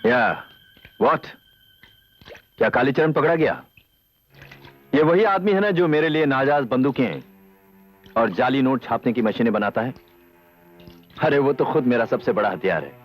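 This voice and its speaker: A man's voice: medium pitch, animated, normal speed, pauses often, natural voice. A man playing a smug, arrogant crime boss. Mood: scornful. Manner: smug, commanding, mixes English phrases. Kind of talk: 1980s Hindi film dialogue. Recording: dull old film soundtrack with music.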